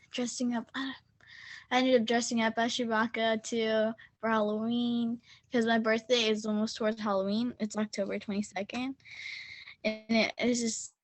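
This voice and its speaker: A young woman chats on a podcast, rambling happily through a story with lots of fillers. Her voice sits slightly high. The sound is dry and close. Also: no echo. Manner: chatty, rambling, full of fillers. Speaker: student guest. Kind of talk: casual storytelling chat.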